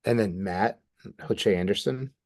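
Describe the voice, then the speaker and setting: A man co-hosting a show chats casually while reacting to comic art with exclamations and enthusiasm. His voice is lowish and somewhat dark, and he speaks a little slowly.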